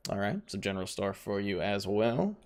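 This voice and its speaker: Brief: game master, man, steady, lively pitch. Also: moderate pace, clean tone. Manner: steady, directing players. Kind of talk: running a tabletop game.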